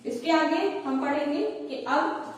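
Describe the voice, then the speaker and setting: A woman's voice: high voice, slow pace. A woman teacher giving a lesson, explaining step by step and often checking that the class has followed. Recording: echoey room, voice from far off the mic.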